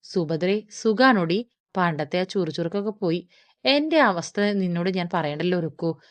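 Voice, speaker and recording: A woman's voice: lowish voice, animated, moderate pace, no echo, lightly acted. A woman voicing a weary older mother confiding her sorrows. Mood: sorrowful.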